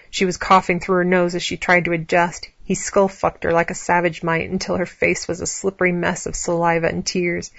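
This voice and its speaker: A woman narrating an erotic story in a steady, even reading voice. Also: on the low side, dry recording, dull audio.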